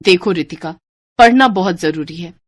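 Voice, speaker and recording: A woman voicing a kind, caring young newlywed woman in an animated storybook, speaking gently and reassuringly. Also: lowish voice, moderate pace, no echo.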